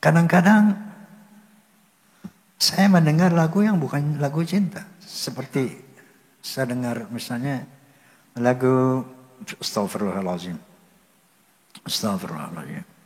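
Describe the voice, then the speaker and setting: A man's voice: a little high, a little slow, long pauses. An older man telling a personal story to a cleric in an earnest, devout way, often breaking into religious exclamations. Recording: long hall reverb.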